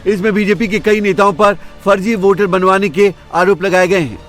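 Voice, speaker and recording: A man's voice: sits high, steady tone, moderate pace, fairly bright tone, soft background music. A man reading scripted news narration.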